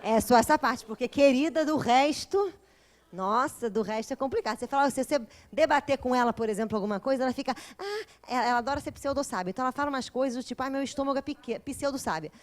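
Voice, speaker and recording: A Brazilian woman with a high, bright voice teaches an evening course in a relaxed, chatty way. She tells stories with humor and jumps into little acted voices for the people she quotes. Her Brazilian accent runs through the whole lecture. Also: fast talker. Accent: Brazilian Portuguese. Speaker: lecturer of a spiritist psychology course. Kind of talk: informal classroom lecture with storytelling.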